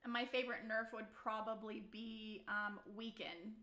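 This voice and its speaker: A bubbly young woman co-hosts a live stream in easy, chatty talk and laughs often. Her voice is bright and sits a little high. The room around her is echoey. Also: steady tone, a little slow. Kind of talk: casual live-stream chat. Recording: roomy echoey sound.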